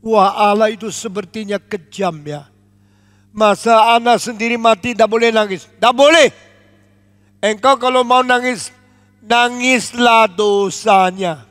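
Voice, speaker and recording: An older man from Indonesia preaching a sermon as pastor, emphatic and deliberate, switching at times into English. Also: high-pitched, fairly even intonation, a bit bright, clear, resonant tone, faint music behind. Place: large church auditorium. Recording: long echo of a large church hall.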